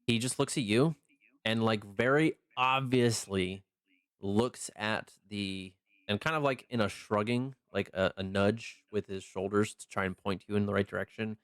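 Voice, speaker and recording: A man narrating a tabletop game as game master, improvising haltingly with many mid-sentence pauses. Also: lowish voice, fairly even intonation, fairly bright tone, clear, resonant tone, dry recording.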